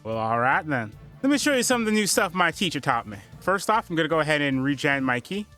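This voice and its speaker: Animated player with a lively voice. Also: male voice, on the high side, fast talker, faint music behind. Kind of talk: playing a tabletop game.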